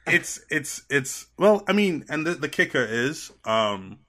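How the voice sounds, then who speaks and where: Podcast guest: a man with a bright, forceful Trinidadian accent tinged with American sounds, an animated storyteller. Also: a little high. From Trinidad and Tobago. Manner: animated storyteller, quick to laugh. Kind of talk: casual podcast chat.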